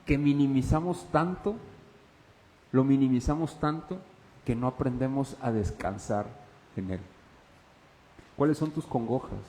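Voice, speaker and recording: A man preaching a sermon as pastor, questioning the congregation and swinging from loud to hushed. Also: mid-range voice, measured pace, long pauses, big-room sound, rough recording. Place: church.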